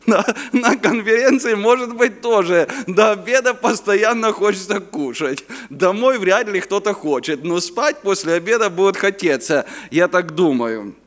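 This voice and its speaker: A Ukrainian man in his fifties, a native Ukrainian speaker with a Ukrainian accent, delivers a chatty, joking sermon as a guest preacher at a youth conference, now and then searching for words. His voice is high-pitched, expressive and fairly bright, at a measured pace. The conference hall gives the recording a reverberant sound.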